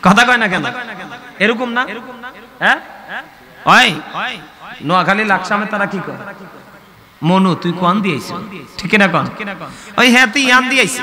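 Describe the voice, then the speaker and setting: A man's voice: sits high, bright, forceful tone. A male preacher with a Comilla Bengali accent, giving a sing-song sermon and calling on the crowd to answer back. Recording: crowd noise at a public gathering.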